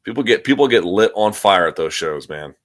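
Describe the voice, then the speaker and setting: A man with a low-pitched voice talks like the host of a combat sports show. His commentary is casual and opinionated, and he tends to repeat words and restart phrases as he makes his point. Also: expressive, brisk.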